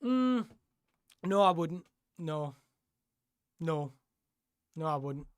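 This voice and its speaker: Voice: medium pitch, animated, drawn-out words, clean tone, no room sound. Chatty football host in a dry room. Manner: rambling, self-correcting, chatty. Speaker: live-stream football host. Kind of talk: casual live-stream chat answering viewer questions.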